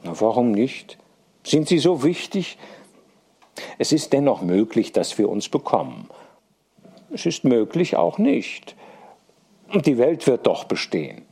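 A proud, sharp-tongued seventeen-year-old girl, read by a man. The husky voice stays dry and cool, snapping quickly with a lively lilt. It is storybook dialogue read aloud. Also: mid-range voice, full character voice. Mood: cool serious.

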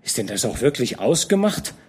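A man's voice: mid-range voice, sing-song, husky. A man voicing an anxious, jealous young nobleman who stammers and hesitates. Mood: stammering. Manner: halting, stammering.

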